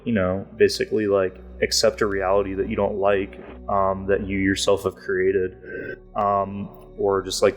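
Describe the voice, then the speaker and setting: A man talking casually as a podcast guest, rambling and filling his speech with "like". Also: on the low side. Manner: rambling, heavy use of "like" fillers. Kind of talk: casual interview talk.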